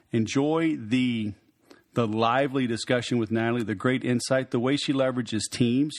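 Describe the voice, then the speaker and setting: Guy hosting a podcast, medium pitch, casual, lots of ums and little pauses. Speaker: podcast host.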